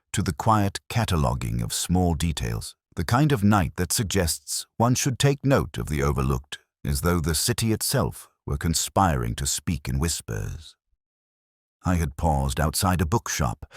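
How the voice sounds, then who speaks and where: An actor playing a pensive, melancholy detective inspector, narrating a mystery in a measured, reflective, literary way. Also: male voice, very deep voice, no echo, studio quality, heavily acted. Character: pensive, melancholy male English detective inspector, bookish and observant. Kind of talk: scripted first-person mystery narration.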